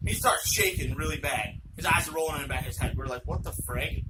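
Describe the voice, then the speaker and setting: Excitable man telling a tale over loud noise. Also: fairly high pitch, fast talker. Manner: excitable, profane, rambling with asides. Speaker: channel host telling a true story. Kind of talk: casual spoken storytelling. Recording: loud background noise with clicks.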